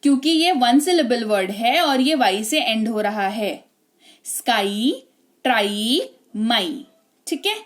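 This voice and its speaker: A high-pitched woman explains English spelling and reading rules step by step. She talks in a chatty, friendly-teacher way and keeps asking her listeners whether they follow. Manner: chatty, keeps checking with "ठीक है?" and "है ना?".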